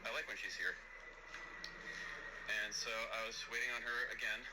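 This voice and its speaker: A young man telling a casual anecdote in an animated way, acting out the voices of the people he quotes. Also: medium pitch, normal speed, noisy background. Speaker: storyteller guest.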